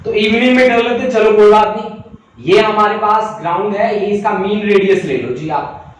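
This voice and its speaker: A man's voice: high-pitched, normal speed. A male physics teacher giving an online class lecture, chatty, reading out student comments and making joking asides. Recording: distant mic in echoey room, faint noise.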